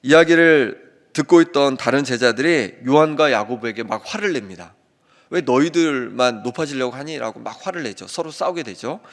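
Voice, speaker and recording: Male pastor, mid-pitched voice, earnest sermon delivery, long church reverb. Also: expressive. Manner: earnest preaching, slows to read scripture aloud. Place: church sanctuary.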